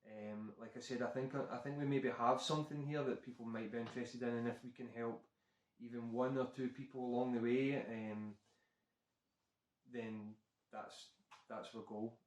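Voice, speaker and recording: A man with a broad Scottish accent talking informally to camera as a channel presenter, hesitant and self-conscious in an unpolished way. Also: mid-range voice. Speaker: car care channel presenter. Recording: echoey room, distant microphone.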